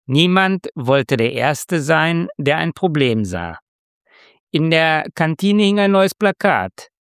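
A man narrating a story in a measured, expressive way. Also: a little high, clean tone, no echo, clean studio sound. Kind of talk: scripted narration.

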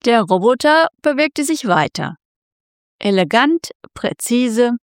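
Slow, expressive woman narrator. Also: fairly high pitch, no room sound, studio quality. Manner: measured, expressive reading. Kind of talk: scripted narration.

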